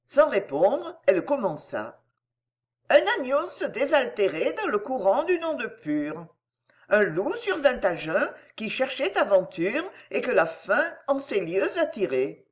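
A woman reading a novel aloud in an expressive narrating style. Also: a little high, measured pace. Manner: expressive, varied intonation. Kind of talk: audiobook narration.

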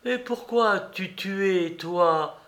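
A man's voice: high-pitched, slow, fairly bright tone, voice pushed up, heavily acted. Man voicing a sobbing old mother. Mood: tearful pleading. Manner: tearful, pleading.

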